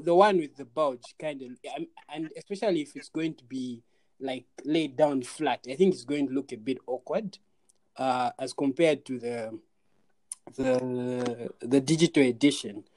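A man's voice: medium pitch, a little slow, darkish tone, dry recording. A man co-hosting a casual podcast chat over AirPods, rambling with many restarts. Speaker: podcast co-host.

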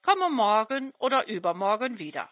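A woman voicing a patient dandelion flower that speaks in a low, grumbling voice in a storybook tale. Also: normal speed, no echo. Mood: calm. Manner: grumbling, calm. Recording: dry, tinny phone-like sound.

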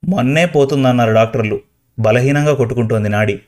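A man's voice: medium pitch, fast talker, a little mellow, natural voice. A man voicing a grieving middle-aged son in a spoken story, weary and pleading.

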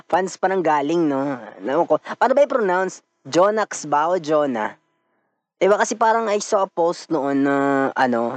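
A man's voice: medium pitch, no echo. A man with a Filipino accent hosting a podcast in casual chat, a bit stuffy from a cold, laughing often and mixing in English. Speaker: podcast host.

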